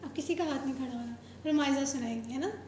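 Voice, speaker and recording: High-voiced woman playfully quizzing children. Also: fast talker, a little mellow, slight background noise. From Pakistan. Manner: playful, coaxing, teasing questions. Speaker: show host interviewing children. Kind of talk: casual chat with children. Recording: roomy echo.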